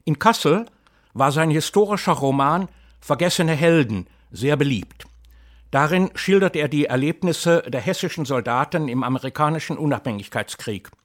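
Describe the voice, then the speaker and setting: Man, middle-aged, storyteller, fairly high voice, measured reading. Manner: measured, lively storytelling, slips into dialect for the tale. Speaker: narrator and reader. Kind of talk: literary reading with introduction.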